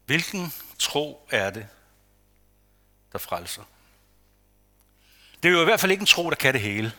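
Male pastor, bright tone, rhetorical sermon delivery with hushed dramatic drops. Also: a little high, very animated. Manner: dramatic dynamics, dropping to a hushed near-whisper; rhetorical, repeats phrases for emphasis.

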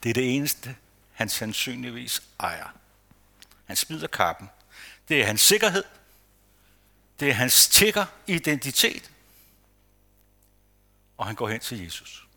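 A man preaching a sermon, rhetorical and repetitive for emphasis, sometimes dropping to a hushed near-whisper. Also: mid-range voice, sing-song, gravelly, pauses often. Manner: rhetorical, repeats phrases for emphasis. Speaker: pastor.

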